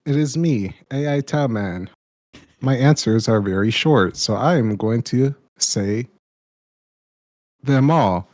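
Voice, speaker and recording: A terse male AI robot with a clipped robot voice, as a man puts it on, giving short, flat answers. The sound is dry and close, mid-pitched. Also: slow, pauses often, no echo. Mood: robotic.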